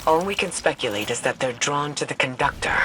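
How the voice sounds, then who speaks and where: Man playing a solemn mentor, measured and grave. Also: on the high side, animated, noisy background, natural voice. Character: grave male mentor figure, measured and serious.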